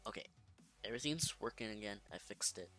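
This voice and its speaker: A man hosting casual gameplay commentary at home late at night, talking quietly and half-whispering into a close microphone. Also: on the low side, lively intonation, fairly quick, soft background music. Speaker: gaming channel host. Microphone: desk microphone close to the mouth.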